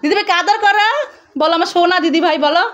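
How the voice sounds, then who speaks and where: Brief: young mom vlogger, very high voice, playful and coaxing, lively delivery. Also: female voice, quick pace. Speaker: family vlog host and mother. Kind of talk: playful family vlog with children.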